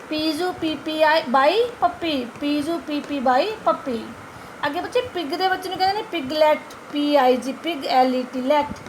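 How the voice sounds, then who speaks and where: A woman's voice: high voice, slight background noise, low-quality recording. A woman teaching young children, spelling words letter by letter in a patient, repetitive way. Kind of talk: classroom vocabulary lesson.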